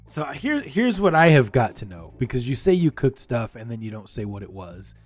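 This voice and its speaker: A man hosts a gaming podcast with an emphatic, playful announcer delivery. His pitch sits in the middle for a man. The recording is dry, with some faint music. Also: sing-song, normal speed, dry recording. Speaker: podcast host. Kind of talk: upbeat video game podcast hosting.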